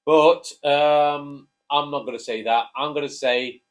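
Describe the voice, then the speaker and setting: Chatty dad hosting. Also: male voice, a little high, steady tone, measured pace. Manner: chatty, jokey, prompts his co-host. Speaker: co-host, father. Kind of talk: casual chat.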